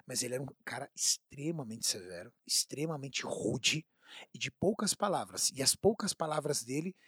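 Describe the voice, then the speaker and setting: A man's voice: medium pitch, animated, moderate pace, a bit bright, husky, dry recording, studio quality. A man with a Brazilian Portuguese accent telling an emphatic personal story in a casual talk.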